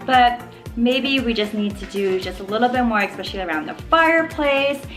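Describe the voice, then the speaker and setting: A woman's voice: fairly high pitch, expressive, moderate pace, a bit bright, faint music behind. A young woman vlogging a cheerful update about her baby at home, chatty and upbeat, sometimes mimicking baby sounds. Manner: chatty, upbeat, addresses viewers as you guys. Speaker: mom vlogger. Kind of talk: casual baby update vlog. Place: home living room.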